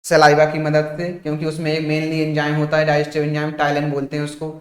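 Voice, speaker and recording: Male teacher, explains step by step, fairly high voice. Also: monotone, fast, roomy sound. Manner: explains step by step, repeats "ठीक है", asks then answers his own questions; jokes with students, calls them "भाई साहब". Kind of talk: exam-prep science lecture.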